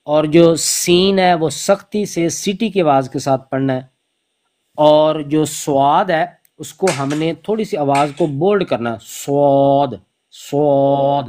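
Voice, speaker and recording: A man teaching Quran recitation over an online call, speaking slowly and patiently and repeating each letter sound to demonstrate it. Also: a little high, darkish tone. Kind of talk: online pronunciation lesson.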